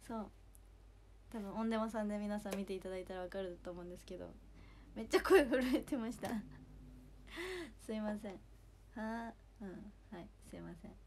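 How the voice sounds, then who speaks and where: A young woman with a hoarse voice, chatting casually on a livestream, giggling and thanking viewers by name. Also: mid-range voice, a little mellow, a little hiss or hum. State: hoarse after two shows. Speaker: idol livestreamer reading fan comments.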